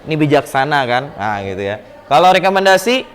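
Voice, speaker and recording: A man with an Indonesian accent teaches an English lesson in a classroom. His voice sits a little high. He explains patiently and repeats words over and over to drill pronunciation. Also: very animated, a little fast.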